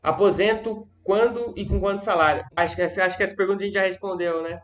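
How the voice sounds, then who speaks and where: A man's voice: sits high, fairly even intonation, fast, slight background noise. A man moderating a live session, reading out viewer questions and giving brief acknowledgments between them.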